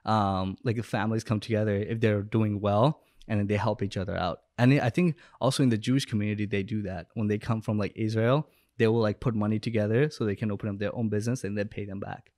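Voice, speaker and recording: Talking fast with hardly any pauses, a young man from Bangladesh shares casual anecdotes as a guest in a podcast interview; he owns a business and coaches. His voice is lowish, steady and a little mellow. The recording is dry, taken close on a podcast microphone with a headset in an indoor room at home or a studio.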